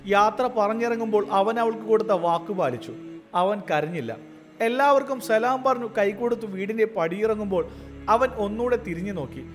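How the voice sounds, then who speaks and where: A man with a high, light voice tells an emotional story in a scripted, earnest manner. Quiet music plays softly beneath his narration. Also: moderate pace. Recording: soft music behind the voice.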